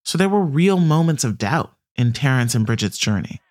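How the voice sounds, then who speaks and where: A man narrating a documentary podcast in a measured, scripted storytelling voice. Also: mid-range voice, very animated, darkish tone, no room sound, clean studio sound.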